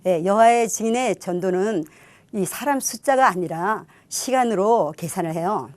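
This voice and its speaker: A woman's voice: mid-range voice, normal speed, a little mellow, no room sound. A middle-aged woman giving her church testimony in an earnest, reflective storytelling manner. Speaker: testimony speaker.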